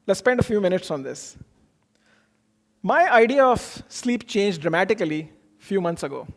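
In a high voice, a man delivers an informal self-improvement talk, earnestly explaining his points through personal anecdotes and asking questions he then answers himself.

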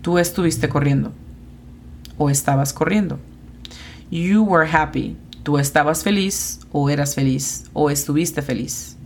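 Slow, low-voiced woman teaching English. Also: slight background noise. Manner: slow, careful explanations, spelling out sounds. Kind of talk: podcast language lesson.

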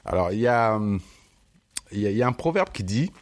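A man co-hosting a podcast in casual chat, animated and slangy, often stammering on repeated words. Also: lowish voice, fairly quick. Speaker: podcast co-host.

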